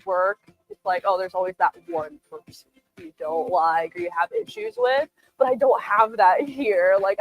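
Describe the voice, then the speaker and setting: A woman's voice: mid-range voice, gravelly, low-quality recording. A woman who works as a psychological associate, speaking enthusiastically about her team. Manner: enthusiastic, gushing. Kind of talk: staff testimonial.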